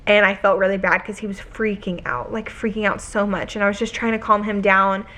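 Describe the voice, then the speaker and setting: A young adult woman vlogging casually, telling stories in a chatty, animated way full of "like". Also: mid-range voice, brisk. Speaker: lifestyle vlogger. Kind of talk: casual vlog chat and storytelling.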